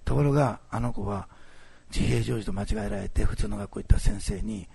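A man preaching a sermon as pastor, telling a story with animated swings between loud bursts and hushed asides. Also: mid-range voice, fairly quick, no room sound. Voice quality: gravelly, husky.

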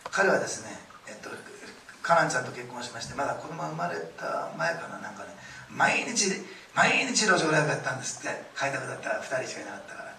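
Middle-aged man preaching, gravelly voice, bright tone, echoey hall from a distant mic. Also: medium pitch, fast talker, a little hiss or hum. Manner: lively storytelling with acted-out quotes. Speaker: pastor. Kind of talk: sermon. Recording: echoey room, distant mic, faint ambience.

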